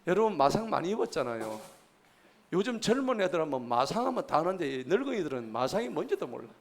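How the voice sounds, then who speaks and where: A man's voice: on the high side, very animated, fast talker, vocal fry. A man, preaching a sermon at a church service in a folksy, joking way and quizzing the congregation. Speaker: pastor.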